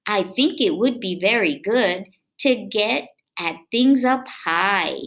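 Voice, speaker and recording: A woman reads a children's picture book aloud in a slow, lively voice of medium pitch. She stretches out words for effect and talks directly to young listeners, often turning remarks into questions. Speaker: read-aloud teacher or reader for children. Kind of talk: expressive picture-book read-aloud with chatty asides to children.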